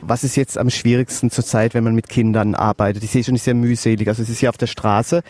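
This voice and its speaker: A man's voice: mid-range voice, level tone, fast, a little mellow. Man reporting for a radio feature.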